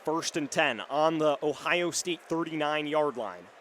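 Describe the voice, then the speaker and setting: Speaking a little slowly in a fairly high, fairly bright voice, a young man provides radio play-by-play for an American football game. He's broadcasting live from a stadium booth, where the crowd and outdoor sounds come through clearly.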